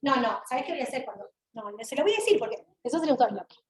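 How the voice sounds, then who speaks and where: A woman lecturer with an Argentine accent, giving an animated university talk and asking her audience questions, recorded in a large lecture hall. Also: a little high, rapid-fire, a crowd in the background. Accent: Argentine Spanish. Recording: roomy hall sound, mic at a distance.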